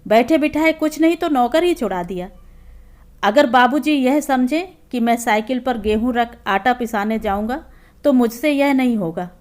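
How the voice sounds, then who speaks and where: A woman's voice: on the high side, normal speed, darkish tone, natural voice. A woman doing a grumbling grown son. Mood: annoyed. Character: irritated grown son complaining.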